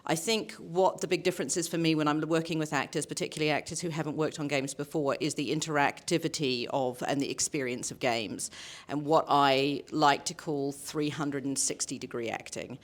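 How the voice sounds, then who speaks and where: Woman with a light New Zealand accent, deep voice, explains patiently at a conference panel, director type. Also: fairly even intonation, brisk. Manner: explanatory, repeats key points. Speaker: voice and performance director. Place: conference stage.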